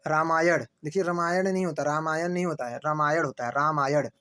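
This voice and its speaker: A male teacher running an exam-prep lesson, repeating each answer and asking quick rhetorical checks. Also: high-pitched. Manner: points at screen, says "dekhiye".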